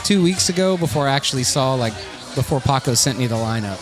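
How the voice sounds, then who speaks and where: A man's voice: mid-range voice, lively intonation, fast talker. A man interviewing a band, enthusiastic and rambling with many fillers. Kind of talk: casual chat. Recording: loud bar with live music and crowd.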